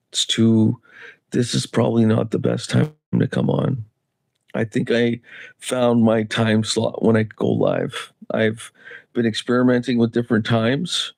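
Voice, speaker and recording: A man's voice: mid-range voice, vocal fry, darkish tone, no echo. Guy rambling on his livestream, takes his time, laughs and swears a bit, dry close sound. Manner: rambling and loose, with chuckles and swearing. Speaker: livestream host. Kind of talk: casual solo livestream chat. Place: Canada.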